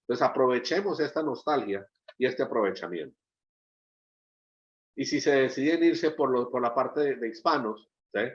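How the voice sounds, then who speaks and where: A man's voice: medium pitch, lively intonation, moderate pace. A middle-aged man from Colombia giving an export training webinar. He explains step by step, often checks in with "¿sí?", and repeats words as he searches for the next one. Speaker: webinar presenter. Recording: dull lo-fi webinar audio.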